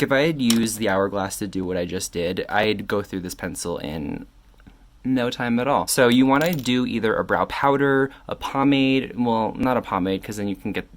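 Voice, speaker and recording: Tipsy, rambling man with a lowish voice. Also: normal speed, slight background noise. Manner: rambling, self-correcting, loses train of thought. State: tipsy from wine. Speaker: makeup reviewer. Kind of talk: casual makeup tutorial.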